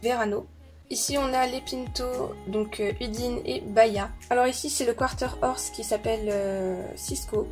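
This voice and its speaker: A woman's voice: fairly high pitch, steady tone, moderate pace, faint music behind. A woman vlogger in an indoor room, chatting casually as she lists her collection, with frequent hesitations. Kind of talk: casual show-and-tell. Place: indoor room shared with siblings.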